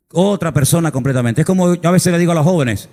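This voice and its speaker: Man, pastor, sermon, high voice, dramatic repetitions, long church-hall reverb. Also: normal speed, warm tone. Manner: dramatic storytelling with emphatic repetitions and asides. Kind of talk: preaching a sermon.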